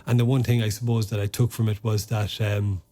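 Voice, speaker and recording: Guesting on a podcast in a relaxed interview, a former soldier from Ireland speaks in a fairly low, flat, darkly toned voice at a fairly quick clip. He comes across as hesitant, frequently breaking off and restarting sentences with fillers.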